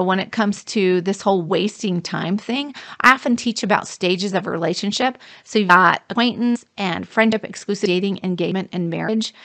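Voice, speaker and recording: A woman dating coach speaks in an earnest, advice-giving podcast monologue. Her pitch sits in an ordinary middle range for a woman, and she sounds settled and sure of her points. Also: gravelly, fairly bright tone. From United States.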